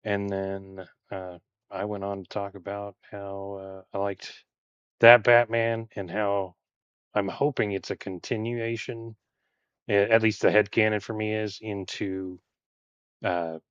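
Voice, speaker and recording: A man's voice: on the low side, measured pace, smooth, no echo, dull audio. A man with a Texan accent chatting casually on a live stream while building Lego, rambling with lots of fillers. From Texas. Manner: relaxed, rambling with many fillers.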